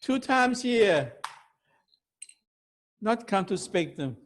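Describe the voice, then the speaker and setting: A man with a Thai accent, a native Thai speaker, presenting a technical webinar in halting, broken English. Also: sits high, big pitch swings. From Thailand.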